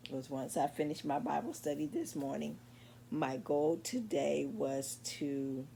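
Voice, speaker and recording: A drowsy woman in her sixties chats unhurriedly through her day's crafts, her words drawn out and slow. Her voice is mellow and gravelly, and she drifts between thoughts with frequent ums. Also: deep voice, a little hiss or hum. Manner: slow, meandering, many pauses and ums. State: sleepy, late at night. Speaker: crochet vlogger. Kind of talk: casual show-and-tell vlog.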